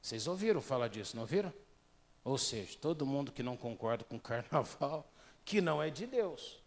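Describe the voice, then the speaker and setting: A male pastor with a Brazilian Portuguese accent delivers a live sermon in a church sanctuary. He talks to the congregation like a conversation and keeps turning to them with rhetorical questions. His mid-pitched voice rings with a long hall reverb. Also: big pitch swings, moderate pace.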